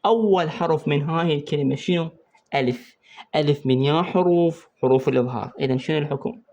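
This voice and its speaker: A man with an Iraqi Arabic accent runs an exam-prep lesson on the rules of Quran recitation, quizzing his student and slowly going over key points as he writes on a board. His voice is fairly high with a darkish tone, and the sound is lo-fi.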